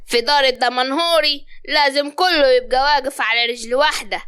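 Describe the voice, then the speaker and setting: A woman's voice: high-pitched, a little fast, fairly bright tone, no echo, clean studio sound. An actress playing a harsh, bossy older mother-in-law with an Upper Egyptian accent, scolding and giving orders. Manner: scolding, commanding.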